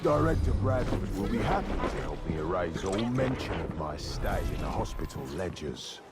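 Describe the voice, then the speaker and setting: An actor playing a deranged, vengeful serial killer and former asylum inmate in a video game, theatrical, taunting and menacing, with music behind him. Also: male voice, deep voice, big pitch swings, normal speed, heavy background noise. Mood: cold menace. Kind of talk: dramatic video game villain acting. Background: loud music.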